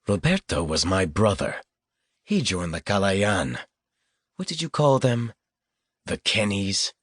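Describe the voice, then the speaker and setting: A man's voice: deep voice, big pitch swings, slow, fairly bright tone, husky, no room sound, full character voice. A man reading an audiobook, voicing a brutal, vengeful male rebel who talks in a cold, menacing way.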